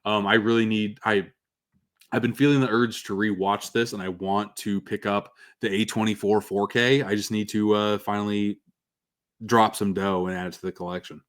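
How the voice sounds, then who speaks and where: Animated, low-voiced male movie reviewer. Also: normal speed. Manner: animated, jumps up in pitch when announcing numbers. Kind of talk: casual movie ranking commentary.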